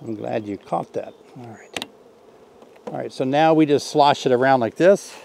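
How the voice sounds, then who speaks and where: Older male beekeeping teacher, folksy, thinks aloud, mid-pitched, outdoor demo with bees buzzing. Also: normal speed, creaky, slight background noise. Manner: relaxed, folksy, thinks aloud while working. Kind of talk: hands-on outdoor demonstration. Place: outdoors in an orchard beside beehives.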